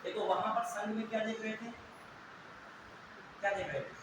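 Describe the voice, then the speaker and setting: At a normal pace, a young instructor with a fairly high-pitched voice quizzes his students on what they remember and then gives the answers himself. The recording is distant and very echoey, with a persistent hiss underneath.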